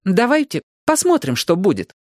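Storybook boy, unflappable and matter-of-fact, raised pitch, voiced by a male narrator, dry close recording. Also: huge pitch swings, moderate pace, no room sound, exaggerated voice. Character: calm, businesslike young boy inventor.

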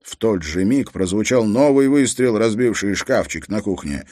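A man reading a crime thriller audiobook as narrator, in a steady, even delivery. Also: fairly low pitch, normal speed, no room sound, studio quality. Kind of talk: scripted narration.

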